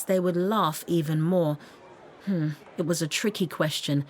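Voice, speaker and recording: A woman narrating a first-person memoir audiobook, expressive, lifting her pitch at tense moments and laughing softly now and then.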